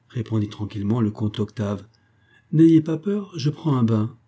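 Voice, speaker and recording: A man narrates a classic novella in a measured, expressive audiobook reading. His voice is very dark and mellow, low-pitched and noticeably husky. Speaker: audiobook reader.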